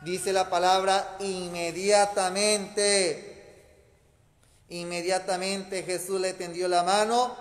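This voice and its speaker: A man's voice: sits high, little pitch movement, slow pace. Male priest, emphatic homily, long church reverb. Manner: emphatic, repeats key phrases. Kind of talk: homily at mass.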